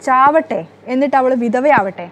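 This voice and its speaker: A woman's voice: high voice, moderate pace, lightly acted. A woman reading as a sly, lying young man. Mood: spiteful. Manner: mocking, defensive.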